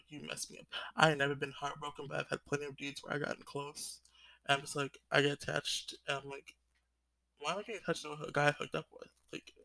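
A man's voice: fairly high pitch, vocal fry, pushed and bright, no room sound. A twenty-year-old man talking in a confessional vlog, rambling with lots of "like" fillers and sighs. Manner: rambling, full of "like" fillers, sighing. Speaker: vlogger.

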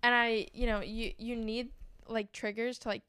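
A woman's voice: on the high side, little pitch movement, moderate pace, bright, forceful tone, smooth, no echo. A young woman hosting a casual podcast, telling rambling stories with lots of fillers and giggles. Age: young adult. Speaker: podcast host. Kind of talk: casual chat.

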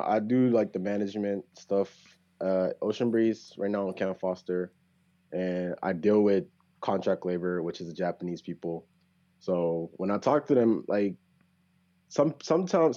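Brief: young man guest, low mellow voice, relaxed slangy chat, muffled recording. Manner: laid-back, slangy, many likes. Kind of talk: casual chat. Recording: dull lo-fi recording.

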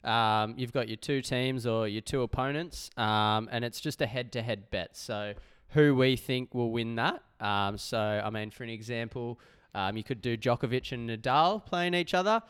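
A man's voice: medium pitch, normal speed, a bit bright, clear, resonant tone, dry recording, clean studio sound. A man with an Australian accent co-hosting a podcast in casual, laid-back, matey chat. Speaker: podcast co-host.

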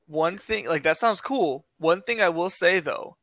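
A young man chatting as a podcast guest, easygoing and quick to laugh. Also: high voice, expressive, fairly bright tone, no echo. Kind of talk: casual chat.

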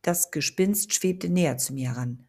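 A woman narrating a story in the first person with calm, steady storytelling. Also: low voice, normal speed, gravelly, husky. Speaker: audiobook narrator.

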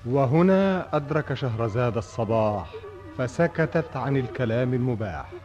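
A man's voice: medium pitch, animated, moderate pace, over loud music. A man narrating and announcing a radio drama in formal scripted style. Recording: muffled old radio recording, faint noise.

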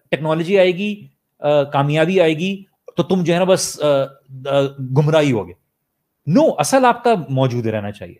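A man speaking in an impassioned discussion, fervent, pushing his pitch up hard to stress points and mixing English into Urdu. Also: darkish tone. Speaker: main speaker.

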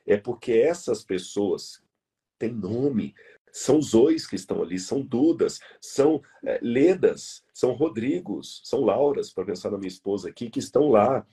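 In an interview, a Brazilian guest makes an earnest conversational argument, emphatic and repeating his key words in a Brazilian Portuguese accent. His mid-range voice is expressive, mellow, and slightly rough, delivered at normal speed.

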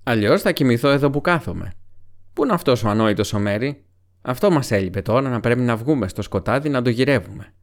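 A man's voice: mid-range voice, expressive, close to an everyday voice. A man voicing Pippin, a tired young hobbit who grumbles and complains, in an audiobook reading. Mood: grumbling.

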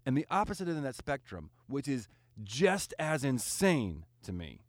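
A man hosting a casual podcast, talking his opinions through in a rambling, animated way with fillers and restarts. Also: mid-range voice, normal speed, dry recording, studio quality.

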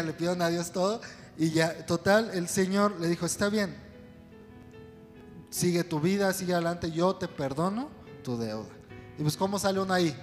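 A man preaching a sermon, calling on the congregation to repeat words after him. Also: high-pitched. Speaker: pastor. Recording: long hall reverb with faint music.

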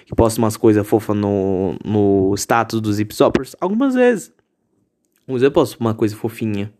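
A young man with a Brazilian Portuguese accent in a casual confessional monologue, dramatic and animated, jumping into high exclamations. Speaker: vlogger.

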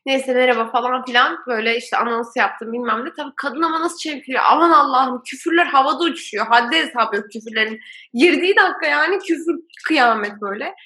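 A young woman chatting casually, telling a story about her old call center job in an animated way and laughing often. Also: fairly high pitch, fast talker. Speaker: former call center worker.

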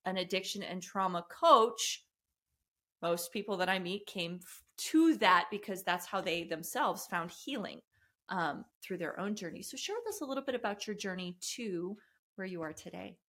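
A woman hosting a casual interview show, with a middle-pitched voice that has a crisp, bright edge. She encourages her guest and fills his pauses with short murmurs of agreement. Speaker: podcast host.

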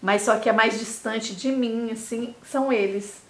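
A woman's voice: a little high, steady tone, unhurried, roomy sound. An older woman from São state, a podcast guest speaking with heartfelt feeling about family and faith. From Valparaíso, São Paulo state, Brazil. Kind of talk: emotional casual conversation.

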